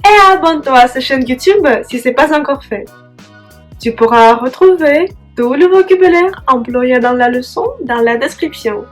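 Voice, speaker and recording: A young woman with a Russian accent teaching a language lesson, patient and careful, drawing out each Russian word. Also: high voice.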